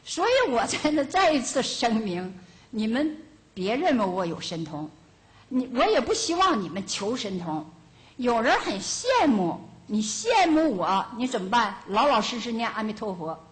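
A woman's voice: fairly high pitch, normal speed. Older woman telling homespun Buddhist anecdotes. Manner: lively, homespun anecdotes with chuckles. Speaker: Buddhist lay teacher. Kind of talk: storytelling dharma talk. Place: lecture hall of a Buddhist centre.

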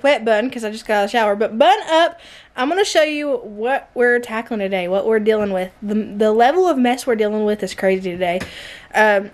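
A woman, chatting casually and encouragingly to the camera in a home cleaning vlog, filmed at arm's length in a small home. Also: fairly high pitch. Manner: chatty, encouraging, self-deprecating. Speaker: vlogger. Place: small home bedroom and bathroom.

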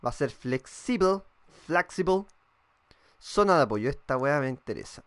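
A man's voice: mid-range voice, animated, moderate pace. A young Chilean man with a Chilean accent, chatting casually and swearing while streaming a football game and reading viewers' messages aloud. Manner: casual and swearing, reads chat aloud, thinks out loud. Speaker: gaming streamer. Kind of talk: live-streamed gameplay chat.

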